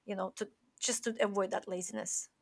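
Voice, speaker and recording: A woman with a middle-pitched voice shares thoughts in a casual discussion. She is reflective and somewhat halting, often feeling around for the next word. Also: steady tone, gravelly. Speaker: panel participant.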